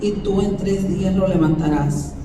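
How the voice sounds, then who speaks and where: A man in the congregation reading scripture aloud, slowly and haltingly, with restarts. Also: high voice, background noise. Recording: echoey church hall, voice far from the mic.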